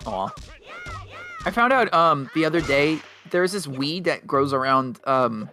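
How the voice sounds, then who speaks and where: A man chats on a casual game stream, his pitch leaping around as he rambles from one tangent to the next. He jokes constantly and laughs easily. Faint game music plays quietly behind him. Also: animated. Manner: rambling, joking, quick to laugh. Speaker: streamer playing a video game.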